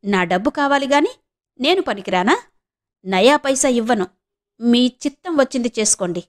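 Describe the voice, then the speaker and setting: Woman voicing domineering rich wife, contemptuous, taunting, raised pitch, audiobook. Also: animated, slow, darkish tone. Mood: scornful. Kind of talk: audiobook character reading.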